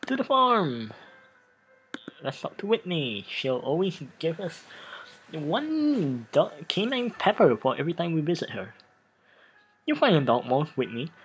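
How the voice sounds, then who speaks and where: A let's play host, whose sex is unclear, casually narrates a game and reads its text aloud in a medium-pitched voice with big pitch swings. The delivery is halting, often stumbling over the text and restarting. Background music plays behind the voice.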